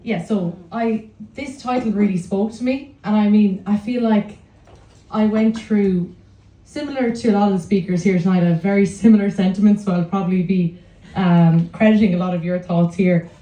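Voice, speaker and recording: A woman's voice: medium pitch, fairly even intonation, moderate pace, dark tone, distant mic. A young Irish woman telling personal stories informally to a live audience, chatty and self-deprecating in the manner of an Irish storyteller. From County Laois, Ireland. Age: young adult. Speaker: speaker at a storytelling night. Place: indoor room at a live event. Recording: echoey room.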